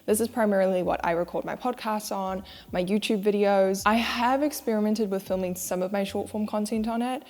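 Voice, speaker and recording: A woman's voice: medium pitch, steady tone, brisk, hardly any pauses, a little mellow. A young woman chatting candidly to camera in a casual vlog about her work, talking in a chatty, self-deprecating way into a clip-on mic. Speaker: social media manager vlogger. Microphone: wireless clip-on mic.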